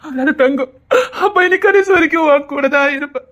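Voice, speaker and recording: A tender, weeping father with a Tirunelveli accent, as a woman acts him out, speaking in a high voice. He soothes his child through his own tears. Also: moderate pace, fairly bright tone, muffled recording. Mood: tearful. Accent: Tirunelveli Tamil. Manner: tender, tearful. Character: tearful loving father reunited with daughter.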